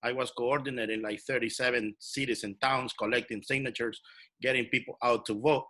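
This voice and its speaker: A man from El Salvador speaks as a community organizer, telling his own story in an animated, personal way. His voice comes across bright and forceful, with a mid-range pitch. He is heard over a video call. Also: a little fast. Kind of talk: online workshop talk.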